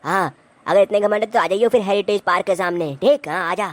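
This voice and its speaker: A man's voice: sits high, a little fast, close to an everyday voice. A man voicing a blustering, boastful older brother who is secretly a coward. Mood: gruff. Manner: gruff, blustering, threatening. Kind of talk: comedy sketch acting.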